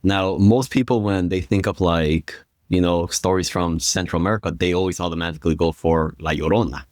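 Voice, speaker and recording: A man from Guatemala, a guest telling about his upbringing in a relaxed, rambling way with plenty of fillers. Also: sits low, fairly quick, no echo, clean studio sound. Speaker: guest storyteller. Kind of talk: casual interview chat.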